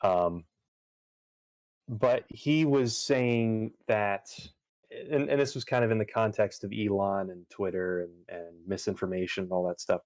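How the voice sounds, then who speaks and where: Low-voiced guy rambling on stream, lots of ums and restarts, dry close mic. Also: unhurried, darkish tone, no room sound. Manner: rambling, many fillers and restarts. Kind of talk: casual chat while gaming on a livestream.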